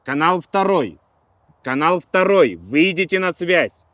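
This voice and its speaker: A soldier radio operator calls out over a walkie-talkie radio in slow, deliberate, formal checks. His voice comes through bright and sharp. The sound is dry, with no room around it. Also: on the high side, sing-song, no echo, full character voice.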